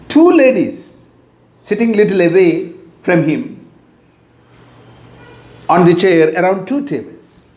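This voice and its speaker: A middle-aged man with an Indian English accent giving a motivational talk, slow and deliberate, repeating his key phrases. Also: sits high, darkish tone. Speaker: motivational teacher. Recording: echoey room.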